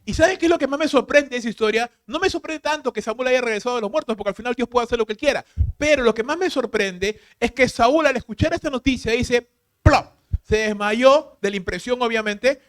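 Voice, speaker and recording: A man pastor preaching a sermon, emphatic and full of rhetorical questions, swinging from loud to hushed. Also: very high voice, brisk.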